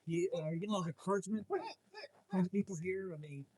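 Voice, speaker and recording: A man's voice: high voice, steady tone, very fast, darkish tone, breathy edge, low-quality recording. A man interviewing a comics publisher, asking long, rambling questions with many restarts. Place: comic convention floor.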